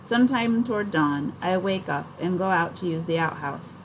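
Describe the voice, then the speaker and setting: A woman narrating a children's novel in the first person, in an even storytelling read. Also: on the low side, moderate pace, slight background noise, low-quality recording. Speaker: audiobook narrator.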